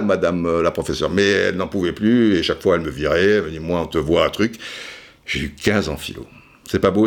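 A man hosting a podcast, telling a self-mocking story and acting out voices and sounds. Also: fairly low pitch. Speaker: podcast host. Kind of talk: casual storytelling monologue.

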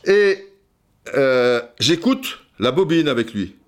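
A man's voice: mid-range voice, sing-song, slow pace. A man hosting a podcast, telling a rambling, digressive story with many restarts and asides. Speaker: podcast host. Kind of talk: casual storytelling monologue.

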